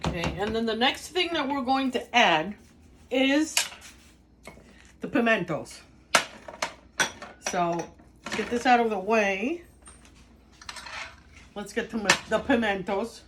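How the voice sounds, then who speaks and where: A woman's voice: fairly high pitch, animated, slow pace, long pauses, very noisy. A woman with a Cuban accent giving a casual home cooking demonstration in her kitchen. She talks viewers through each step and jokes with the person filming. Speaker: home cook demonstrating a recipe.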